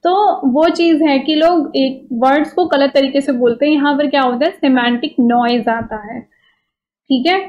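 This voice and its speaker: High-voiced woman teaching, conversational. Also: a little slow, muffled recording. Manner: conversational, checks in with "ठीक है" often. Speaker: exam-prep teacher. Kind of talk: explanatory online lecture.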